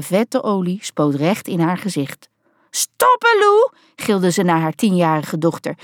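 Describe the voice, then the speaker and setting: A woman narrating a novel in a steady, even storytelling manner. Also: lowish voice, no room sound, clean studio sound. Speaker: audiobook narrator.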